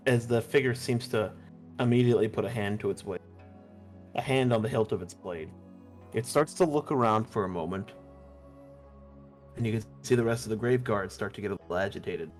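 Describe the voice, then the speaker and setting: A man runs a tabletop role-playing game as game master. His voice sits in a middle range as he narrates the scene, with soft music playing behind him on an online call. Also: mid-range voice, moderate pace, pauses often. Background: background music.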